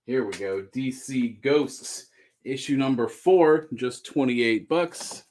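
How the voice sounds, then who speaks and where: A man hosting a live comic book sale, running through items with upbeat, joking pitchman patter. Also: animated, slow, darkish tone, slight background noise. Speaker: host selling comics on a live stream. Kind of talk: live sales chat.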